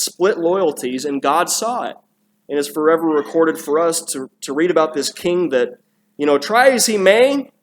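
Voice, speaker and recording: A man preaching a sermon in a church, talking in a loose conversational way with restarts and quick asides to the congregation. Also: on the high side, a little hiss or hum. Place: church sanctuary.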